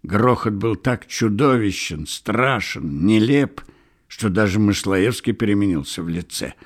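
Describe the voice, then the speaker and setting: A man reading a novel aloud as an audiobook narrator, measured and expressive. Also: lowish voice. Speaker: audiobook reader. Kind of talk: scripted literary narration.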